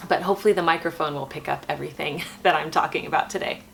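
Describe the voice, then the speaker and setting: A woman host chatting casually in a vlog, keeping her voice quiet at night as if someone is asleep nearby. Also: fast, gravelly, a little hiss or hum. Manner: keeping voice low at night so as not to wake a sleeping baby.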